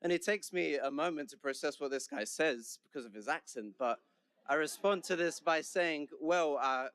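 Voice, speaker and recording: Smooth-voiced young London man. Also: fairly high pitch, animated, moderate pace, a bit bright, no room sound. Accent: London English. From London, England. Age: young adult. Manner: chatty, joking and conversational. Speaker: senior class speaker. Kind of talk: commencement speech.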